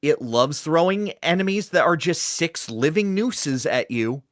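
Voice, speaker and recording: A man co-hosting a gaming podcast, talking in a lively, swinging voice that rises and falls a lot. He is animated and keeps popping into quick comic voices when he quotes things. The sound is close and dry, with no room around it. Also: fairly high pitch, no echo. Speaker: podcast co-host. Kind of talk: casual gaming chat.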